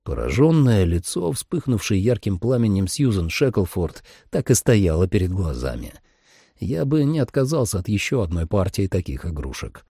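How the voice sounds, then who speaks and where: Man, audiobook narration, low warm voice, husky, dry close recording. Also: sing-song, normal speed, no echo. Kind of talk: first-person audiobook narration.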